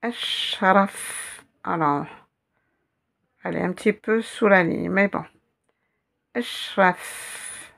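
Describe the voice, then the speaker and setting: A woman's voice: on the low side, moderate pace, gravelly, long pauses. A woman teaching a reading lesson, patiently spelling out letters and repeating each word several times. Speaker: Arabic teacher.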